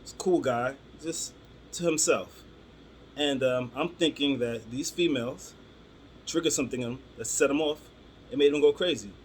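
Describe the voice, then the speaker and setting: A man's voice: mid-range voice, normal speed, a little hiss or hum. A man, telling personal stories to camera in a loose, rambling way with many "um"s. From Brooklyn, New York. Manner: loose, rambling delivery with frequent "um"s and restarts. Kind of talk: casual storytelling to camera.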